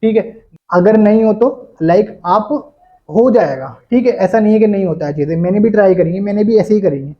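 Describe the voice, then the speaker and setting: A man's voice: high-pitched, moderate pace. Young man from India, casual English tutor who keeps repeating a filler word; dull lo-fi recording. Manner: repeats a filler after nearly every phrase. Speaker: English teacher. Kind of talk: casual spoken English lesson. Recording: dull lo-fi sound.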